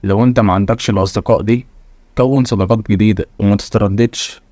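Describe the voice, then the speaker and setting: A man with an Egyptian Arabic accent delivers a motivational talk straight to his viewers, quick and pushy. His voice sits low and he peppers the listener with rhetorical questions. The tone is blunt and preachy throughout. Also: steady tone, warm tone, dry recording. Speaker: motivational channel host.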